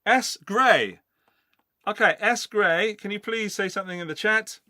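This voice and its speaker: A man's voice: high voice, a little slow, bright, forceful tone, dry recording, clean studio sound. A middle-aged man from England, hosting a casual live-stream giveaway in a loose, rambling, chatty way. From England, Forest of Dean in Gloucestershire. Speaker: livestream host running a giveaway.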